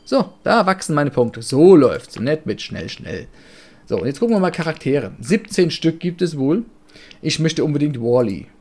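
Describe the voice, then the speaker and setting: A man's voice: a little high, sing-song, moderate pace, a little mellow. A man from Germany giving chatty, rambling, blunt and jokey commentary while playing a life-sim game. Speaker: let's play gamer. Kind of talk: casual gameplay commentary.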